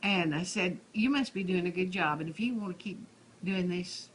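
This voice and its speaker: A woman's voice: fairly low pitch, normal speed, breathy edge. An elderly woman with a Texas accent, a retired schoolteacher reminiscing in a rambling, conversational way with restarted phrases. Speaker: retired schoolteacher being interviewed. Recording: noisy room ambience.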